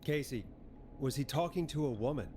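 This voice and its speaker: An actor voicing a calm late-night radio host who speaks in a measured announcer manner. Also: male voice, mid-range voice, very noisy, close to an everyday voice. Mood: urgent. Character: calm male radio host taking emergency calls. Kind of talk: video game voice acting.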